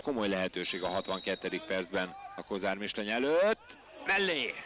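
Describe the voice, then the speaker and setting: Male football commentator over clear background noise. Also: deep voice. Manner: excitable, voice leaps on big moments. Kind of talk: live football match commentary. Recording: noisy outdoor match broadcast.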